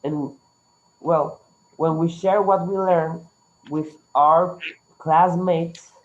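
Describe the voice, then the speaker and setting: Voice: mid-range voice, steady tone, very slow, highs cut off. An English teacher with a Latin American Spanish accent, a native Spanish speaker, leading an interactive online class in an encouraging, instructive manner. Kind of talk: interactive online language lesson.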